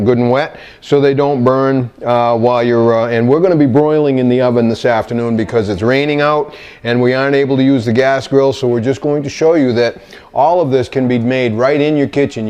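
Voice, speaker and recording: Man with a smooth, resonant voice. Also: medium pitch, darkish tone. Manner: halting, meandering, searches for words. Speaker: cooking show host demonstrating recipes. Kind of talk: unscripted cooking demonstration. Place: home kitchen indoors.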